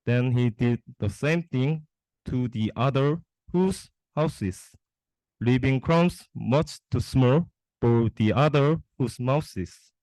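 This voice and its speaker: A young man reads a children's story aloud. His pace is slow and his pitch sits in the middle, with very little room sound around him. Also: darkish tone, dry recording, low-quality recording. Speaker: storybook reader.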